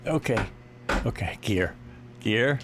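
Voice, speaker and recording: A man hosting a live stream, chatting casually with viewers while he flies, thinking aloud and breaking into excited yelps and cheers. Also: fairly low pitch, slow, gravelly, music in the background.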